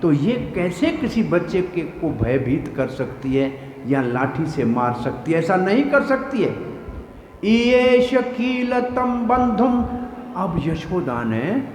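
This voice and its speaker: High-voiced man preaching in an echoey hall. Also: very animated, takes it slowly, a little mellow. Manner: vivid storytelling that acts out scenes and explains verses. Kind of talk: devotional scripture discourse. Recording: echoey hall with faint noise.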